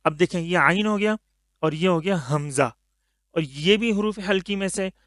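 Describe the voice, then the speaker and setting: A man's voice: high-pitched, normal speed, a bit bright, dry recording, clean studio sound. A man teaching Tajweed pronunciation of Arabic letters, patiently stretching each letter sound for the learner. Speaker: Quran recitation teacher.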